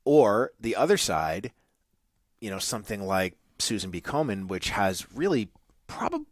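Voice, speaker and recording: A man's voice: lowish voice, sing-song, unhurried, dry recording, clean studio sound. A man with a New England accent co-hosting a podcast, speaking in a thoughtful, rambling way with many ums and tag questions. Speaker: podcast co-host. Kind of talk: casual podcast chat.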